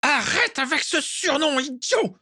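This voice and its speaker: A man voicing a furious, haughty older witch who screams insults in a shrill, screeching voice. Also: lively intonation, measured pace, bright, forceful tone, full character voice. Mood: screaming.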